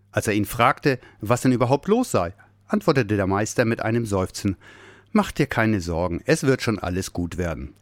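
A man reading a children's Christmas story aloud, expressive and lively. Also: lowish voice, dry recording. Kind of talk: scripted narration of a children's story.

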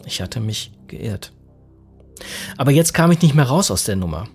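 A man in his forties reading a humorous first-person story in a wordy, self-mocking, deadpan manner. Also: medium pitch, moderate pace, soft background music. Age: 40s. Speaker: narrator.

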